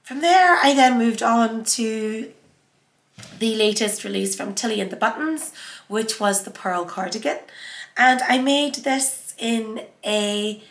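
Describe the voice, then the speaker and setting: A woman with a cold and a sore throat hosts her sewing vlog, chatting casually and conversationally with plenty of fillers. Her voice is fairly high and a bit bright, animated yet slow, and the room sounds echoey.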